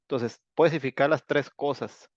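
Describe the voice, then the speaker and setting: A man's voice: medium pitch, fairly even intonation, moderate pace, no echo. A man with a Mexican Spanish accent teaching an online English class, chatty and explanatory with many fillers. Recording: dull, lo-fi online class audio.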